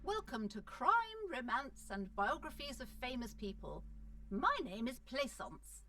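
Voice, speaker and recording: A woman's voice: on the high side, animated, measured pace, pushed and bright, far from the mic, a little hiss or hum, heavily acted. A woman voicing a formal greeter in a video game, her voice coming through robotic and metallic. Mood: formal welcome. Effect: robotic, metallic distortion.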